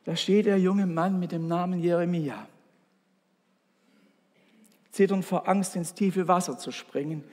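A man's voice: high-pitched, unhurried, pauses often, darkish tone, long reverb tail. A man preaching a sermon, earnest and storytelling, speaking directly to his congregation.

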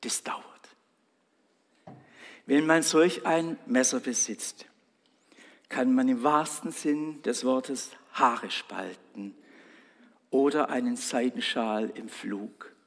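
A man preaching a sermon, dramatic and emphatic, slowing down to stress his words. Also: mid-range voice, big-room sound. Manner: dramatic, slow and emphatic with swells of loudness.

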